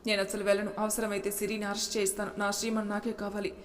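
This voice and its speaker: Casual storybook voice of a frantic young mom, put on by a woman narrator, pleading and tearful, kinda flat, echoey room w/ faint hiss. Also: medium pitch, very fast, lightly acted. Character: anguished young mother Vinitha, desperate. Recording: reverberant room with faint noise.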